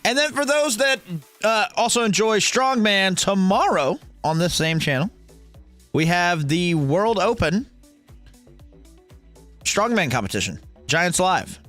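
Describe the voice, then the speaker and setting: A man's voice: sits high, expressive, measured pace, long pauses, fairly bright tone, soft background music. A man in his thirties hosting a casual sports watch-along livestream, bantering and swearing as he answers viewer comments. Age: 30s. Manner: profane, joking banter with chat. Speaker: livestream host.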